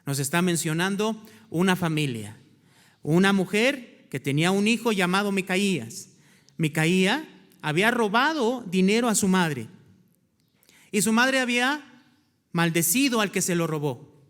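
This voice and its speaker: A man's voice: high-pitched, fairly bright tone. A male pastor preaching a sermon, reading scripture aloud and asking his congregation questions he then answers himself. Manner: reads scripture aloud between explanations. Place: church. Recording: hall reverb from a church.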